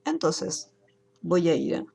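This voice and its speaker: A woman teaching an online class, explaining software steps patiently one by one. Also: on the low side, sing-song, slow pace, vocal fry, husky. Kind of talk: screen-recorded software tutorial.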